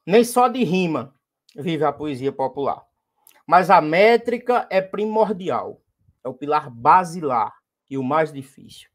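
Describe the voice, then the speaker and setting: A man's voice: on the high side, sing-song, a little slow. A man with a Northeastern Brazilian accent, a poet teaching a workshop on verse meter and now and then declaiming verses with emphasis. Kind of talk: lecture on poetic meter.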